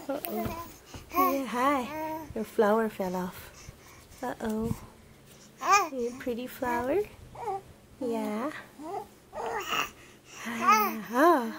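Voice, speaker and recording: A young mother doing sing-song baby talk to her infant and laughing often. She is filming at home with a handheld camera, and her voice is still coming back after she lost it. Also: a little high. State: voice recovering from loss. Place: indoors at home. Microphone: handheld camera close up. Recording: noisy home video.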